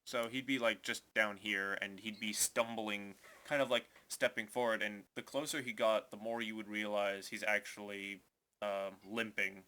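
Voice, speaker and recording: A man narrating as game master in a tabletop game, loose and halting with many fillers. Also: fairly low pitch, steady tone, sharp tone.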